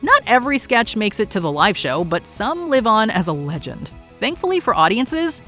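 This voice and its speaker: A woman's voice: medium pitch, a bit bright. A woman reading scripted countdown narration.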